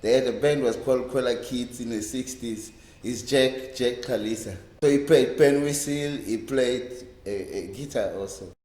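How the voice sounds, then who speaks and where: In a casual oral-history interview recorded in an echoey library room, a reggae bass player in his fifties from a Cape Town township in South Africa recalls the past. He rambles, halts and repeats words, and his medium-pitched voice has a warm tone.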